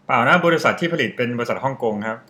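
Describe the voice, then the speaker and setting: A man's voice: medium pitch, racing, pushed and bright. Young man, podcast co-host, casual chat, rambling, offhand explaining. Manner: rambling, offhand explainer who admits guessing.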